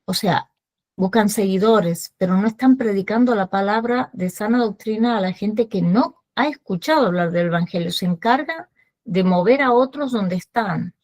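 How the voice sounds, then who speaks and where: A woman's voice: medium pitch, moderate pace, a little mellow. A woman hosting a religious talk show, explaining her point in an earnest way. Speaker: ministry host.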